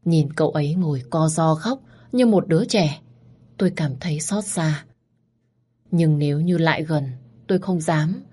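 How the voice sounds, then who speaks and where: A woman narrating a first-person story in a steady, dramatic way. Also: sits low, moderate pace, slightly rough.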